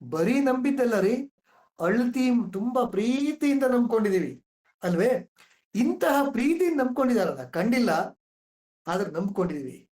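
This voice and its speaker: A woman's voice: a little high, very animated, moderate pace, long pauses, mellow, reverberant. A woman explains classical verse in a conversational way, asking listeners rhetorical questions. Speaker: poetry explainer.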